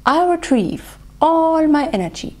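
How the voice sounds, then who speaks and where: A woman leading a guided tapping session, speaking slow, soothing phrases for the listener to repeat. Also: high-pitched, very animated. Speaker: EFT practitioner.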